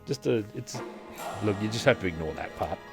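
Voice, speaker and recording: A man's voice: on the low side, lively intonation, a little fast, gravelly, music in the background. Rambling Australian man streaming a game. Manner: rambling, joking, chatting with viewers. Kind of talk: casual live game stream chat.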